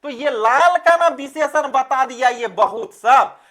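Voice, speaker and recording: In a slow online lesson, a man with a very high, fairly bright voice keeps questioning his students and then supplying the answers himself. Along the way he addresses them as "beta."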